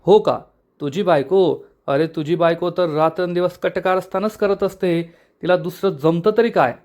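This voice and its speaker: A stern young husband, voiced by a man narrating, scolding with firm anger. The voice is a fairly high male tone. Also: normal speed, darkish tone, close to an everyday voice. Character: angry young husband standing up for his wife.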